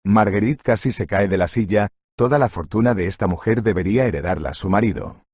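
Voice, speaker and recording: Low, husky male storyteller. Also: brisk, darkish tone, no echo, clean studio sound. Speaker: narrator. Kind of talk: scripted story narration.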